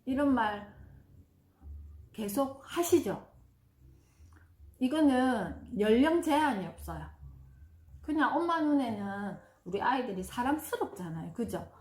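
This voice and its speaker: A woman's voice: on the high side, lively intonation, unhurried, long pauses. A woman in her fifties giving a parenting lesson, partly reading from a book and acting out gushing praise for children. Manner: warm, demonstrative, acts out gushing praise in bursts. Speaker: parenting educator. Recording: roomy echo.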